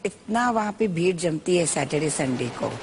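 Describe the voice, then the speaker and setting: A woman's voice: lowish voice, lively intonation, moderate pace, a crowd in the background. An older woman, a mother on a talk show, chatting casually and mixing Hindi and English. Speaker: guest, mother. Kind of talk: casual chat.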